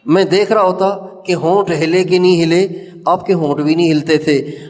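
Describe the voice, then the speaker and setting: A man with a Pakistani accent delivers an impassioned Urdu sermon. His voice sits somewhat high and climbs to emphatic questions before settling into chanted scripture. The sound carries the long reverb of a large hall. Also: steady tone. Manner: impassioned storytelling, rising to emphatic questions and chanting Quranic verses. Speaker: Islamic preacher.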